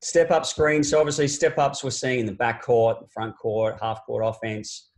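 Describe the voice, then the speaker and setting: A man in his forties talks through basketball clips for an online coaching clinic. He speaks at a mid pitch in a relaxed, explanatory way, often restarting phrases and using fillers. He sounds like a laptop webcam mic in a small home office. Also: moderate pace. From Australia. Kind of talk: online coaching clinic talk over game video. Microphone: laptop webcam on a video call.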